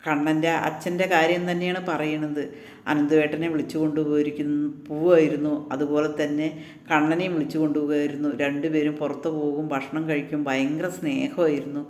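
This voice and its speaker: A man with a fairly high voice recaps a TV serial's latest episode in casual talk. He keeps an even, flat delivery and keeps throwing in little tag words for the listener. The recording sounds echoey, as if made in a bare room. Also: a little fast. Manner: retells scenes in a flat, even flow, tagging lines with "kēṭṭō".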